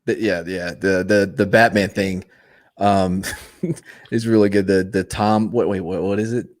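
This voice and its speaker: Low-voiced, sarcastic male podcast guest. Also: steady tone, measured pace. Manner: sarcastic, wry. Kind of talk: casual chat.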